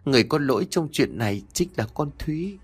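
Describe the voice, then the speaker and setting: A man's voice: a little high, animated, brisk, husky, voice pushed up. A man voicing the vengeful ghost of a young girl, wailing and accusing in a storybook tale. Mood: anguished.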